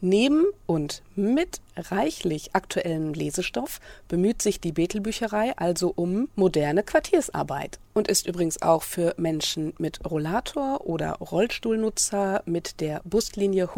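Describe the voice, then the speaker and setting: A woman reporter narrating a scripted radio feature in a steady, clear reading voice. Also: fairly low pitch, no room sound.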